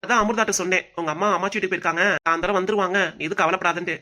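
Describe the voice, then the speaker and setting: A woman putting on a lowered schoolboy voice. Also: fairly even intonation, lightly acted. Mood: eager. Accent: southern Tamil Nadu. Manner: quick, explaining, talks back. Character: eager schoolboy grandson, a bit defensive.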